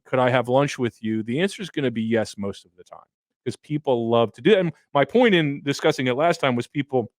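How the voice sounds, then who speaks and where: A man in his fifties co-hosts a radio money show as a financial advisor, talking casually, bluntly and with jokes. His voice sits at a middle pitch. The sound is dry and close to the mic. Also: no room sound. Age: 50s. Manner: blunt, joking, folksy analogies.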